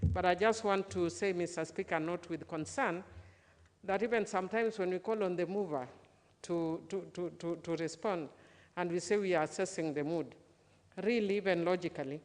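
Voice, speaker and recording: A woman who is a member of parliament makes a formal debate speech in a somewhat halting way. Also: lowish voice, a little mellow. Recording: echoey large chamber.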